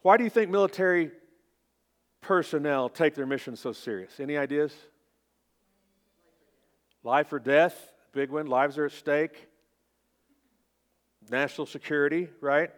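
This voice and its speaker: A man's voice: a little high, measured pace, pauses often. A man in his fifties with an Oklahoma accent, preaching as a pastor in a folksy, informal, self-deprecating way. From Oklahoma, United States. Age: 50s. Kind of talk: sermon.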